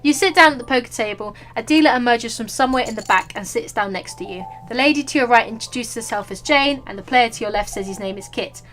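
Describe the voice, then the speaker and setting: A woman's voice: fairly high pitch, fast talker, few pauses, fairly bright tone, soft background music. A woman hosting a gaming video, reading game text aloud with casual, playful and jokey commentary. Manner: playful, jokey, breaks into silly asides.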